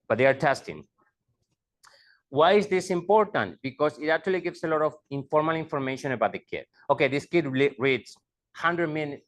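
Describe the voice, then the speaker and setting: A middle-aged man, a school leader, explaining things to parents and repeating his points in two languages. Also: on the high side. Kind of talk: bilingual presentation to parents.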